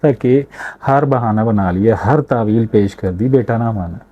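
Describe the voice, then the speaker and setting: Man, storyteller, moral tale narration, low-pitched, mellow, unhurried. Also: dull audio. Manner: unhurried, addressing listeners directly.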